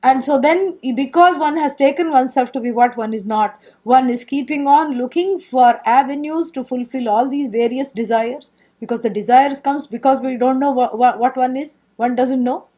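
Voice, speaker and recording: Speaking at normal speed with few pauses, a woman with a high, husky voice and an Indian accent teaches scripture informally as a spiritual guide. Her lively storytelling is packed with rhetorical questions and playful humour.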